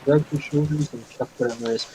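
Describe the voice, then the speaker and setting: A young man in a casual voice chat with friends, reading narration and talking in a hesitant, quiet, mumbling way. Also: mid-range voice, steady tone, a little fast, background noise. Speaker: reads the narration in a group reading. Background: background music.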